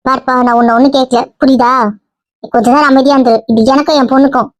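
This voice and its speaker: A woman with a high voice scolds in a homemade family drama skit. Her delivery turns shrill in anger. The sound is dry and close. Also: fairly even intonation, quick pace, no echo. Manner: scolding, shrill when angry. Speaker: vlogger acting family skits.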